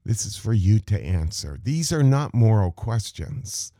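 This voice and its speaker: Slow, low-voiced man giving a meditation talk. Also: big pitch swings, warm tone, no room sound, studio quality. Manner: measured, asks rhetorical questions. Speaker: meditation teacher. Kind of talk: contemplative spiritual talk.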